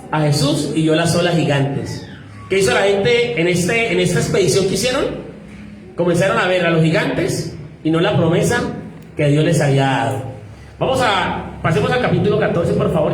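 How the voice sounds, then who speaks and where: A man preaching a sermon as pastor, putting fill-in-the-blank questions to the congregation and exhorting them directly. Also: high-pitched. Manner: direct and exhorting, addresses listeners as "usted". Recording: very echoey hall, mic far off, faint noise.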